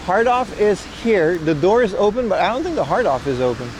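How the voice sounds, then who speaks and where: A man's voice: high voice, very animated, fairly quick. A man from Aruba with an American accent, chatting casually as a livestream host in a rambling, slangy, playful way. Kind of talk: casual outdoor livestream chat. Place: outdoors in a rural Japanese town on a rainy day. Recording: noisy outdoor street with passing cars. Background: traffic and outdoor ambience.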